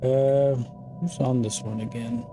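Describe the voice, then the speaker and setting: Sleepy and yawning, a man in his fifties who hosts a gaming channel offers laid-back commentary on a strategy game in an easygoing mid-range voice. Talkative and self-mocking, he reads any on-screen game text slowly and deliberately, with the soundtrack plainly audible behind him.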